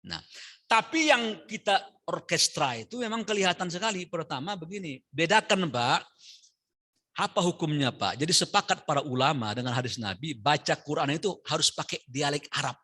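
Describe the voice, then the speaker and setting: A man giving a midday sermon in a mosque. He chants verses in Arabic and explains them in a lively way, swinging from quiet asides to loud stresses. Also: a little high, moderate pace. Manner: lively, shifts from soft asides to loud emphasis; addresses listeners as "Pak". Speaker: preacher.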